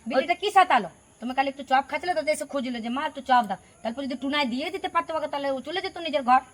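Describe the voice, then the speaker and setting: Casting: woman as a fiery protective grandmother, Purulia Bengali accent, rapid high-pitched scolding. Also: a bit bright. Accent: Purulia Bengali dialect. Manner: scolding, indignant. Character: protective grandmother, mother-in-law defending her granddaughter. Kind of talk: village home drama acting.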